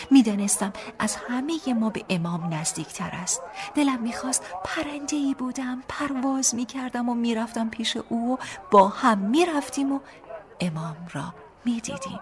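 A woman narrating a first-person story as an audiobook, hushed and intimate. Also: fairly high pitch.

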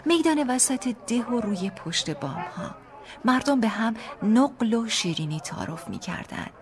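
A woman narrating a first-person story as an audiobook, hushed and intimate. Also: fairly high pitch, very animated, a crowd in the background.

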